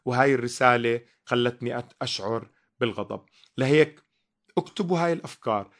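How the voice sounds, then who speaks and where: A man's voice: mid-range voice, lively intonation, fast talker, fairly bright tone. A man giving a teaching sermon, emphatic and full of rhetorical questions.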